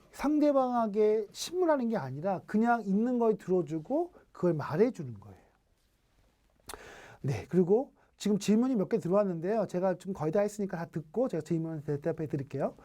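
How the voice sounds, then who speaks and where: Mellow-voiced lecturer teaching online. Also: medium pitch. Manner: asks rhetorical questions, acts out quoted dialogue. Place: streamed online training session.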